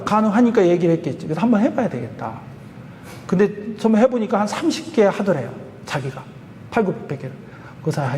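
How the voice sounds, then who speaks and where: A male pastor telling a story in a sermon, chatty and animated, chuckling now and then. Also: high voice, big-room sound. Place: church sanctuary.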